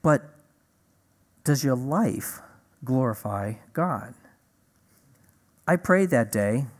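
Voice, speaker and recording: A man preaching a sermon, telling a personal story in a lively way and acting out the conversations in it. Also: lowish voice. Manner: animated storyteller, acts out dialogue.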